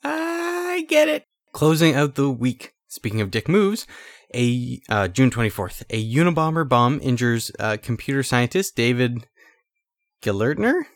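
Dude reading old news clippings on a podcast, easygoing, medium voice, dry sound. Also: male voice, mid-range voice, lively intonation, normal speed, dry recording. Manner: reads news stories aloud, easygoing. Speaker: podcast co-host.

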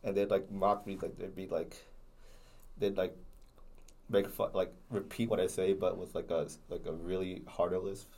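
A man's voice: low-pitched, flat delivery, normal speed, a little mellow. A young man with a slight lisp, chatting casually as a podcast co-host, rambling with many restarts and fillers. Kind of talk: casual chat.

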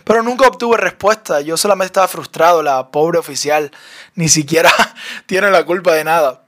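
A young man with a Colombian accent, animated and often laughing as he tells his own story for his podcast. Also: on the high side, moderate pace. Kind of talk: personal testimony storytelling.

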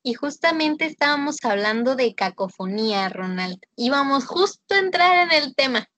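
Relaxed woman hosting podcast. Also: sits high, normal speed, no room sound. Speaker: podcast host. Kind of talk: casual educational podcast chat.

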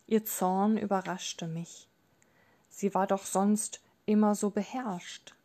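A woman reading a novel aloud in calm, measured scripted narration. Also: mid-range voice. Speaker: audiobook narrator.

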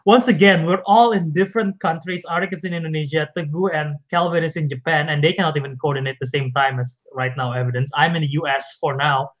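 Chatty young man, high voice, lo-fi. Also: fairly even intonation, quick pace, hardly any pauses, fairly bright tone. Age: young adult. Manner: chatty, laughs often. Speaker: podcast host. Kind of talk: casual chat.

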